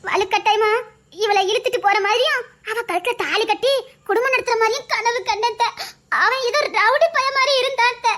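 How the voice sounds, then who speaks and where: A woman's voice: very high-pitched, fairly quick. Woman doing a sugary scheming young wife. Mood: alarmed. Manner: sweet wheedling flattery, whiny pleading. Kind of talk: animated story voicing.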